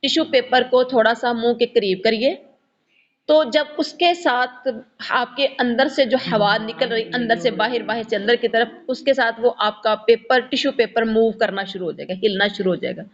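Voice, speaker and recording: A woman with a fairly high voice teaches Quran pronunciation, sounding out each letter slowly and repeating it for her pupils. She checks whether they follow as she goes. The recording is dull and lo-fi. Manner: patient, instructive, asks pupils questions. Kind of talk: tajweed pronunciation lesson.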